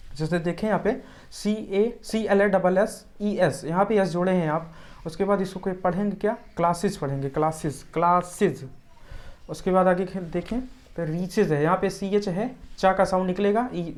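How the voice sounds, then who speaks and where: Low-voiced female teacher who explains patiently and drills example words by repeating them. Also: darkish tone. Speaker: English pronunciation teacher. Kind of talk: explanatory lesson.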